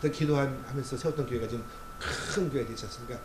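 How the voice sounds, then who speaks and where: A man's voice: mid-range voice, quick pace, a crowd in the background. A male pastor giving a Sunday sermon in a church sanctuary. He preaches in a conversational way, with many fillers and acted quotes. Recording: roomy church sound with faint hum.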